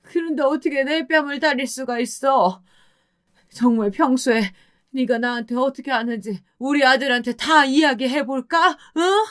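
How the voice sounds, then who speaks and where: A woman's voice: mid-range voice, unhurried, close to an everyday voice. A woman voicing a weary mother in her sixties who pleads and scolds. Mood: tearful scolding. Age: 60s.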